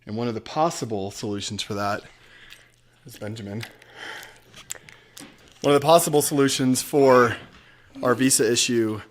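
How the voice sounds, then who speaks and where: A young American vlogger addresses the camera at medium pitch and normal speed, pausing often. He keeps it relaxed and conversational.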